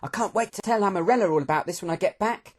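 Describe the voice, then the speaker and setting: A man voicing an eager, excitable young man who talks in a breathless, enthusiastic rush. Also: high voice, fast, husky, voice pushed up. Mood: excited.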